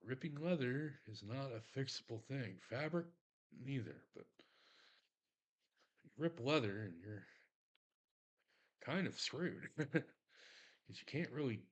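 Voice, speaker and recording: A man's voice: mid-range voice, lively intonation, takes it slowly, long pauses. A man with a Texan accent chatting casually while he sews leather on a stream, rambling, swearing freely and poking fun at himself. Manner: rambling, profane, self-mocking. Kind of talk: casual crafting stream chat.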